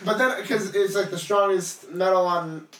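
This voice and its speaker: A man's voice: high voice, steady tone, normal speed, a bit bright, roomy sound, recorded from a distance. A young man co-hosting a casual podcast, rambling with lots of fillers. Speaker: podcast co-host.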